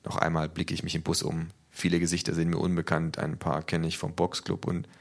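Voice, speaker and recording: Deadpan gravelly low male narrator. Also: a little fast. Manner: dry, deadpan first-person narration. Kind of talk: comic audiobook reading.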